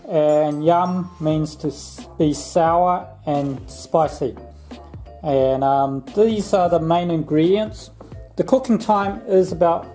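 A man in his thirties from Laos, casually explaining a recipe in his home kitchen, chatty and relaxed, filming himself at arm's length. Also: on the high side, poor audio. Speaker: vlog host. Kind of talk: casual cooking vlog.

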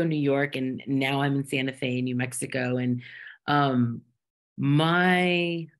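A middle-aged woman from Kentucky, a co-curator, speaking in a measured, reflective way on a video call. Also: very deep voice. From Kentucky, United States. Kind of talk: casual panel talk. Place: home room with bookshelves.

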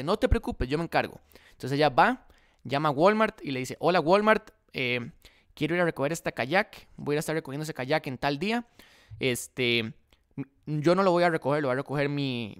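In a casual vlog, a young adult from Costa Rica who does dropshipping tells a story to camera in Costa Rican Spanish-accented speech, acting out both sides of the conversation with energy. His higher voice is clear and resonant, picked up by a desk condenser mic right in front of his face in a room beside a large window.

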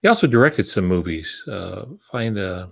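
Low-pitched with some vocal fry, this American man in his sixties speaks at normal speed in an animated way. He's a writing teacher and podcast co-host giving an informal lesson with asides on a video call from a home office, using wired earbuds.

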